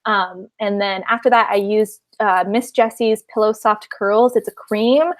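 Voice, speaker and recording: A woman's voice: medium pitch, steady tone, moderate pace. A woman in her twenties co-hosting a casual book chat, giggly and rambling, on a video call. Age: 20s. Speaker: co-host of a book liveshow.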